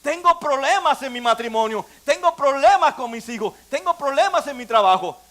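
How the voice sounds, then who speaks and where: Older man, pastor, very high voice; emphatic church sermon with quiet asides and sudden loud rises. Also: expressive, moderate pace.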